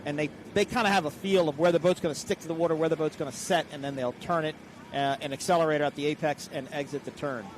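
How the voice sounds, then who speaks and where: A man's voice: a little high, steady tone, quick pace. An American man giving live, explanatory sports commentary on a race. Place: live at an outdoor boat race. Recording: clear outdoor vehicle and engine noise.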